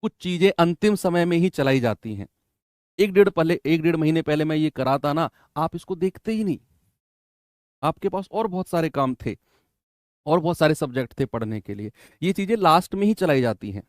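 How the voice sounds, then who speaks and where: A man's voice: fairly high pitch, lively intonation, moderate pace, dry recording, clean studio sound. A man teaching an exam-prep math lesson in Hindi, coaching students in a chatty way and often checking with "है ना?".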